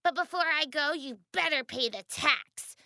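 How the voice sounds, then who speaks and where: A woman's voice: sits high, moderate pace, creaky, sharp tone, no echo, studio quality, full character voice. A sneering teenage bully girl. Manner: sneering, condescending. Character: snooty teenage bully Mary, deputy's daughter.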